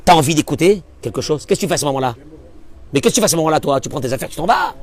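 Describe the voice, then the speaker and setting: A man, a rabbi, giving a spoken Torah lesson, emphatic, asking and answering his own questions, swinging from near-shouts to hushed asides. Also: on the high side, animated, very fast. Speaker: rabbi teaching a Torah class.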